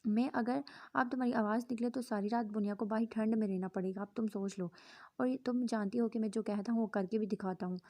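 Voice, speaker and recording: A woman voicing a possessive, domineering young husband in an audio novel who gives sharp commands and threats. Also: on the high side, steady tone, natural voice. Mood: stern.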